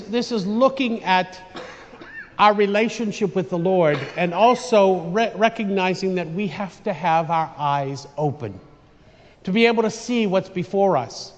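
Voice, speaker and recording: A man preaching an informal, conversational homily in a large echoing church, haltingly, often repeating and restarting his phrases. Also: high-pitched. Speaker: priest preaching. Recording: dull recording with long church reverb.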